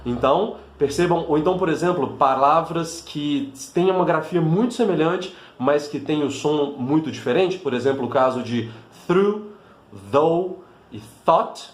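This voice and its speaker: A man's voice: a little high, normal speed, hardly any pauses. Brazilian man teaching in an echoey room. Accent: Brazilian Portuguese. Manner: patient, with frequent fillers and check-ins like "né?". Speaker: language teacher. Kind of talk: explaining to camera.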